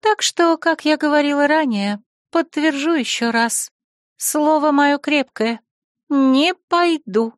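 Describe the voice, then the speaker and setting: A woman voicing a gentle but firm-willed young woman in an audiobook reading. She speaks in an old-fashioned, resolute way. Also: a little high, expressive, slow, dry recording, studio quality, pitched above the performer's own voice.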